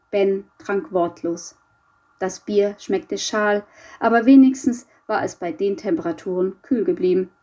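Middle-aged woman author, mellow dark voice, measured expressive audiobook reading. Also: mid-range voice. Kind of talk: reading from her youth novel.

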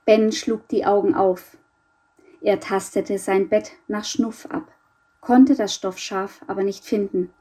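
A middle-aged woman reads her own youth novel aloud. Her voice is mellow and darkish, her telling measured and expressive, at an even middle pitch. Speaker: author.

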